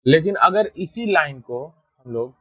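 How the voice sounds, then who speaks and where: Male teacher, voice on the high side, dry close-mic recording, patient explainer. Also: unhurried, no room sound, highs cut off. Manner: steady, repeats "ठीक है" to check understanding. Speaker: math teacher. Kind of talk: explaining a lesson while drawing.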